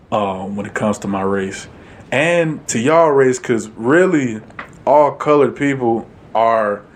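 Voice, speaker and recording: A man co-hosting a podcast in casual chat, blunt and emphatic, swearing freely. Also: fairly low pitch. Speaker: podcast co-host.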